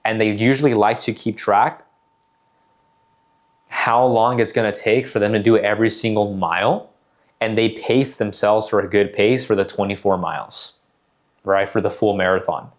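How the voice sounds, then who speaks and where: A man coaching on sales calls in a measured, deliberate way, repeating key phrases for emphasis. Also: lowish voice, steady tone. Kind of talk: instructional talk.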